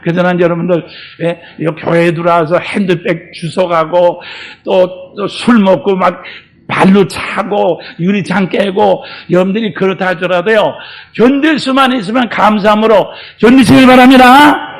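Older man, pastor, sermon, high voice, exhorting, rhetorical questions. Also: steady tone, normal speed. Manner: exhorting, swings from shouting to quiet asides; keeps prodding the listeners with rhetorical questions.

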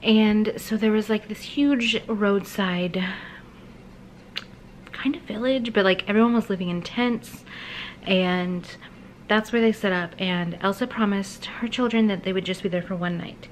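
A woman in her thirties chatting casually to camera as she retells a story in a halting, conversational way with emphatic asides. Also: mid-range voice, a little hiss or hum, poor audio. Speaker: book vlogger. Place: small bedroom, indoors.

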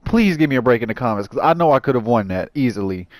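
A man's voice: expressive, quick pace. A man hosting a gaming channel, giving anxious, jittery commentary on his own gameplay and talking straight to his viewers. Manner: jittery, anxious self-talk addressed to viewers; breaks into high panicked yelling when in danger.

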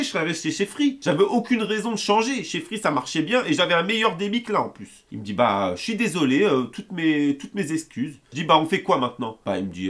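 A young man vents straight to camera in a casual, angry rant, his voice sitting a touch high for a man. He swears freely and acts out both sides of his phone calls. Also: a bit bright. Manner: fast, heated, swearing, retells phone calls. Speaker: gaming YouTuber ranting to viewers.

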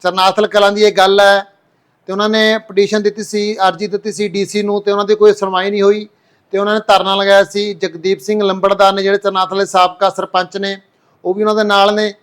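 A man's voice: high-pitched, flat delivery, fast talker, a bit bright, smooth. A man with a Punjabi accent, a reporter, explaining the background to a news report in a level tone.

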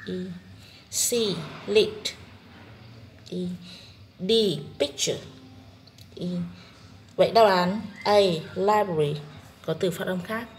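Slow, methodical Vietnamese woman teacher. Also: fairly low pitch, a little hiss or hum. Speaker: English teacher. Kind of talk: exam-prep lesson walkthrough.

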